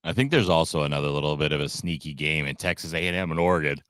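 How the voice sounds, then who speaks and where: A man with a very deep voice hosts a casual sports talk show. He sounds relaxed and hesitant, leaning on fillers as he thinks aloud. The recording is dry, with no room sound. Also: very fast, clear, resonant tone, dry recording.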